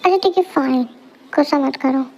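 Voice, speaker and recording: A woman's voice: high voice, a little fast, a little hiss or hum. A woman voicing a teasing, patient young husband and uncle in an amateur fan dub. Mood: coaxing. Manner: coaxing, teasing.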